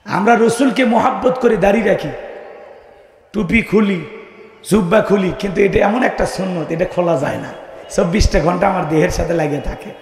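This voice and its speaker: High-pitched, booming Bangladeshi preacher man. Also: normal speed, reverberant, in a large hall. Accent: Bangladeshi regional Bengali. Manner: calls on the crowd to answer loudly, jokes and teases. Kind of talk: humorous waz sermon.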